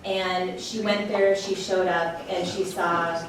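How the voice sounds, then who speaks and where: A young woman speaking at a charity concert, close to tears, halting with ums and nervous laughs. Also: lowish voice, flat delivery. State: close to crying. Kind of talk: emotional speech to a live audience. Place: concert hall. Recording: echoey hall, distant mic, room noise.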